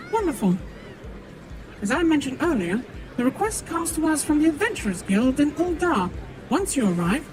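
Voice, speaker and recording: A man's voice: extremely high pitch, pitched above the performer's own voice, rough recording. A man using a voice changer for a gracious guild proprietress. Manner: measured, polite formal delivery. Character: gracious female quest-giver, a guild proprietress. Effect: voice changer, slightly robotic. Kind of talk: reading game dialogue aloud.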